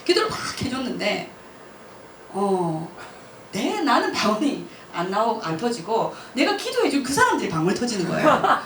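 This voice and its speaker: A woman gives a church testimony with an animated, rather high voice that climbs and dips as she tells her story. She laughs often and acts out her own past words. The recording sounds roomy and distant, as in a church hall, with a faint hiss underneath. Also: moderate pace. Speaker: missionary speaker. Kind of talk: church talk, personal testimony.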